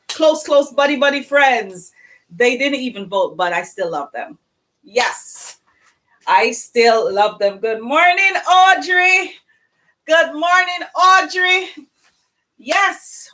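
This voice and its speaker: A middle-aged woman, hosting a live cooking stream and chatting warmly with her viewers. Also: high voice, low-quality recording. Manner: chatty, effusive, talks to viewers. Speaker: cooking show host.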